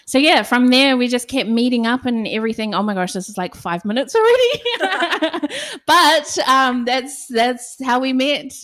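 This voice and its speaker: A woman hosting a casual podcast interview, chatty and excitable, often saying "oh my gosh". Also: sits high, a little slow. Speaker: podcast host.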